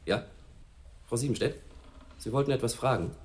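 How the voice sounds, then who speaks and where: A man's voice: medium pitch, normal speed, darkish tone, close to an everyday voice. An actor playing a curt, sardonic police chief briefing his task force. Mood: brusque.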